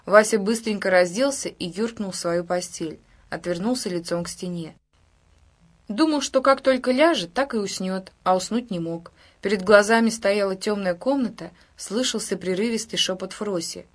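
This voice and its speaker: A woman narrating an audiobook in a calm, even storytelling voice. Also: medium pitch, normal speed. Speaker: audiobook reader. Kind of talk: scripted narration.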